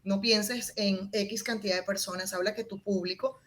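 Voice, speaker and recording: Speaking at normal speed with a mid-range voice, she explains her public speaking method during an interview. She adjusts her tone and volume expressively to model the technique.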